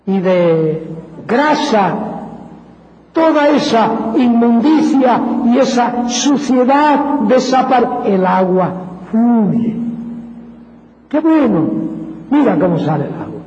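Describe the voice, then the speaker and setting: Fervent Spanish preacher in an echoey hall. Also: male voice, high voice, dark tone. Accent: Castilian Spanish. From Spain. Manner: fervent, slow and deliberate, with emphatic rising peaks. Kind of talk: sermon. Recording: echoey hall, dull lo-fi sound.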